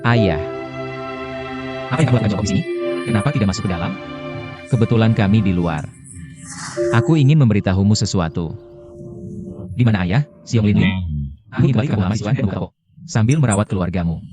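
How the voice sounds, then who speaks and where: A man's voice: fairly low pitch, expressive, fast, pauses often, over music, natural voice. A man dubbing a worried adult son in a TV drama, coaxing his father in a soothing manner. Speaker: dubbed drama character. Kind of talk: dubbed TV drama acting.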